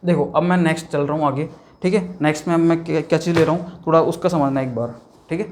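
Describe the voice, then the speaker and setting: A man's voice: a little high, fast, darkish tone, a little hiss or hum. A man teaching a chemistry lecture, talking conversationally and asking questions he then answers himself. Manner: conversational, asks and answers his own questions, says 'bhaiya' and 'theek hai' often. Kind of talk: whiteboard lecture.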